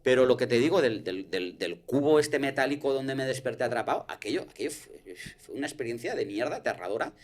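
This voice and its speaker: A man's voice: mid-range voice, quick pace, few pauses. Guy from telling a scary story, voice jumps all over, swears a lot. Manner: animated storytelling, swears, restarts. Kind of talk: casual conversation, personal story.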